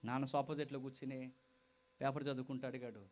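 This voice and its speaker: A man preaching a sermon with passion. He moves from loud appeals to quieter storytelling, speaks straight to his listeners and repeats phrases for weight. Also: medium pitch, level tone, fast talker. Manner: impassioned, swings from loud exhortation to quiet storytelling; addresses listeners directly and repeats phrases for emphasis.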